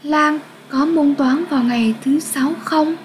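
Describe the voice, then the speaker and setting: A woman with a Vietnamese accent teaching an English lesson to children, speaking slowly and clearly and sounding out words for pupils to repeat. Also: high-pitched, slight background noise, rough recording.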